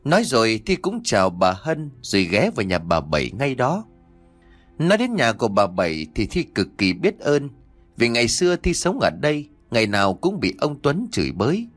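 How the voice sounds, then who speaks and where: A man narrating a ghost story, reading with lively expression and voicing the characters' lines himself. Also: medium pitch, moderate pace, dry recording, faint music behind.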